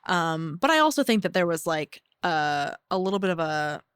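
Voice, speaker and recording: A woman's voice: on the low side, very animated, a bit bright, smooth, no echo, clean studio sound. Twenty-two-year-old woman from the Bahamas. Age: 20s. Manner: thoughtful, halting, many fillers. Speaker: guest singer-songwriter. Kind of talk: casual interview chat. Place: recording studio.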